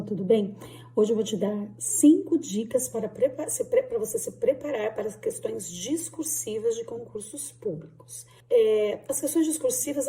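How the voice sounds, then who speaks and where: A woman teaching a grammar lesson in a clear, didactic way, repeating the rules and checking in with the viewer often. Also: a little high, dark tone. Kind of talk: social media grammar lesson.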